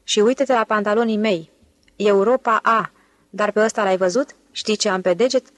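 A woman's voice: medium pitch, steady tone, no room sound, natural voice. A woman voicing a suave, smug male con man who speaks in a lofty, condescending way. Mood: boastful. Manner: lofty, self-assured, condescending.

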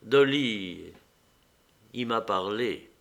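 A man reading aloud, voicing an affectionate young society lady in a tender, gently pleading way. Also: fairly low pitch, animated, extremely slow, vocal fry, heavily acted.

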